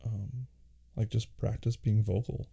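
A man hosting a casual, intimate question-and-answer show, relaxed and soft-spoken, sometimes dropping into a hushed reading voice. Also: fairly low pitch, unhurried, vocal fry, breathy edge. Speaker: podcast host answering listener questions.

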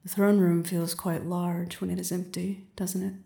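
Casting: an imperious, seductive queen played by a woman, flat, mellow, slow delivery with frequent whispers, roomy echo. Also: on the low side, gravelly. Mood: regal, commanding. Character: commanding, seductive adult queen on her throne. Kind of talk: audio roleplay.

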